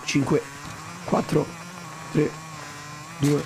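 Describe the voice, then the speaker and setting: A man who has lost his voice, croaking through casual gameplay commentary, joking and swearing with his viewers. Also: a little high, level tone, very slow. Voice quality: croaky duck-like voice. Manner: swears a lot, jokey, talks to viewers. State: lost voice, hoarse. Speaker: gaming streamer. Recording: game music behind.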